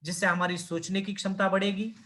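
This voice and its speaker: Male lecturer, high bright voice, patient explanatory delivery, frequent fillers and restarts. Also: little pitch movement, a little fast. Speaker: teacher. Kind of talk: lecture on language skills.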